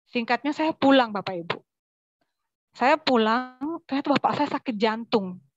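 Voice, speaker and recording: A woman's voice: fairly high pitch, animated, moderate pace, dry recording, highs cut off. A woman from West Sumatra giving an earnest church testimony, often turning to address her listeners directly. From West Sumatra, Indonesia. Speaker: testimony speaker.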